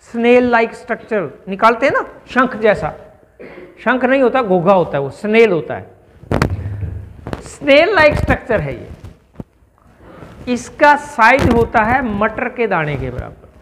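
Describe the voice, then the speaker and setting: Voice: medium pitch, in a large hall, noisy background. A teacher giving a step-by-step classroom science explanation and checking in with listeners through questions.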